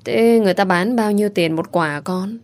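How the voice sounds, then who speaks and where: Woman doing a gentle loving father. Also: mid-range voice, moderate pace, natural voice. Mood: tender. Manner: soft and tender.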